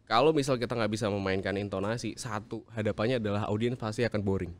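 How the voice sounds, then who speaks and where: Fast, animated man. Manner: animated, swings pitch widely for emphasis. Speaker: public speaking guest speaker. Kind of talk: casual interview chat.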